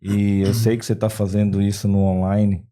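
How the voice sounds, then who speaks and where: A man's voice: fairly low pitch, little pitch movement, normal speed, mellow. A man hosting a podcast, reflecting on purpose and giving advice to entrepreneurs. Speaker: podcast host. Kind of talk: podcast conversation.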